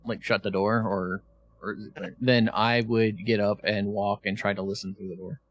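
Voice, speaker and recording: A man's voice: fairly low pitch, flat delivery, normal speed, no room sound. A man playing a tabletop game, talking plainly and earnestly, partly in character. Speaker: player. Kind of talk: casual tabletop play, speaking in character.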